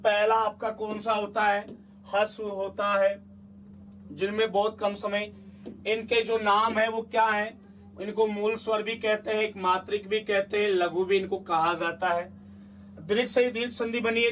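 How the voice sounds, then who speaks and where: A high-pitched man leads a chatty exam-prep lesson, coaxing the students along and checking often that they follow. He sounds set back from the mic, with faint noise behind him. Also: flat delivery, moderate pace, a bit bright, distant mic. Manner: chatty, coaxing, asks the class repeated check questions. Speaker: teacher.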